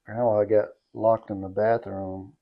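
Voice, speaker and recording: A man's voice: lowish voice, little pitch movement, measured pace, vocal fry, phone-quality sound. A man talks with his mother in an easygoing way, remembering childhood stories during a casual family chat. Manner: easygoing, reminiscing. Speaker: interviewer, son.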